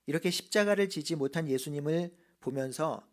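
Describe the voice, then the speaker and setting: A male pastor delivers an earnest sermon in a slightly high voice. He slows down to lean on the key phrases. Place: church.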